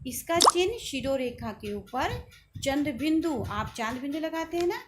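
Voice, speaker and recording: A woman's voice: high-pitched, animated, normal speed, heavy background noise. A woman teaching a school grammar lesson, explaining patiently, asking questions and answering them herself.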